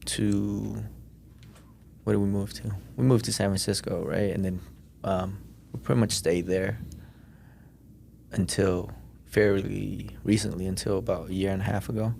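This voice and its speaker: A man in his thirties from Vietnam, a podcast guest telling his story in a measured way, often pausing with ums. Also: on the low side, level tone, gravelly, a little mellow, a little hiss or hum. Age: 30s. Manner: measured, hesitant with many ums. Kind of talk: casual interview.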